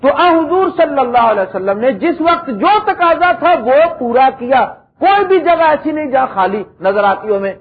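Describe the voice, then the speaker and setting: A middle-aged male preacher giving a dramatic lecture, swinging between emphatic high lines and quiet low ones, reciting verse slowly. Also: expressive. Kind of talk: Urdu religious lecture. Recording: tinny phone-like lecture recording.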